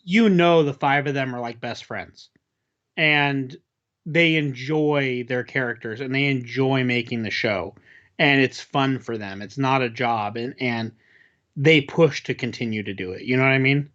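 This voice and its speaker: A man's voice: medium pitch, unhurried, fairly bright tone. A man co-hosting a podcast, chatting casually and reacting with enthusiasm. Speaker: podcast co-host. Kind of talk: casual chat. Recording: slightly dull lo-fi sound.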